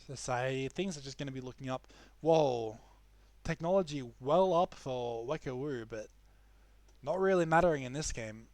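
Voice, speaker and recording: A man's voice: fairly high pitch, a little mellow, dry recording. A young man casting a strategy game live, chatty and loose, often restarting his sentences. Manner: chatty, frequent restarts and fillers. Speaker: esports caster.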